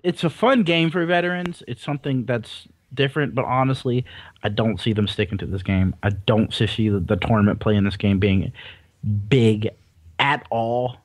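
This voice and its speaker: A man's voice: mid-range voice, normal speed, no echo. A man co-hosting a casual gaming podcast, rambling and swearing casually with self-deprecating jokes. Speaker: podcast co-host. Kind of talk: casual chat.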